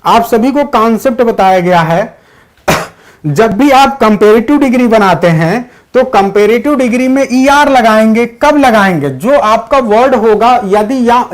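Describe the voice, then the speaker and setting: A man with a high voice leads a live online exam-prep class. He explains English grammar points and reads his students' chat replies aloud, switching between Hindi and English sentences. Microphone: digital board class setup.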